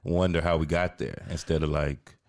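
A man's voice: a bass voice, little pitch movement, normal speed. A man co-hosting a podcast in casual chat, laid-back and slangy, often tagging on "you know what I mean". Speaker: podcast co-host.

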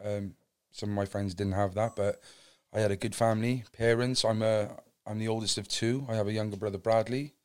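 Low-voiced Cardiff man telling his story. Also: steady tone, brisk, few pauses, smooth. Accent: Welsh (Cardiff). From Cardiff, Wales. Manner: open, earnest, rambling with restarts. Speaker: podcast guest. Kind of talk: candid personal storytelling.

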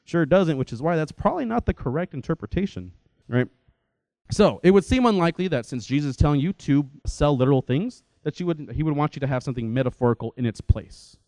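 Animated man giving a talk. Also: fairly high pitch, fast, dry recording. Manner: animated and conversational, often checks in with "right?". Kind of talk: lecture to an audience.

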